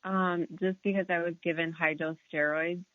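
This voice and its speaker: A woman's voice: on the low side, flat delivery, normal speed, no room sound. A woman in her thirties calling into a radio show, earnestly explaining with hesitant fillers. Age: 30s. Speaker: caller. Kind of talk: phone-in caller. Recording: tinny phone line.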